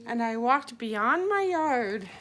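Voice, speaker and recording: A woman's voice: fairly high pitch, animated, takes it slowly, fairly bright tone, a little hiss or hum. A woman telling a playful improvised story to a child, laughing often as she goes.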